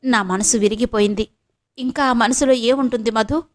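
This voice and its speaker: A woman's voice: a little high, fairly even intonation, moderate pace, natural voice. A woman voicing an anguished young wife. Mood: tearful. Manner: emotional, raised dialogue voice. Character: young woman, anguished, defensive, quick to flare up.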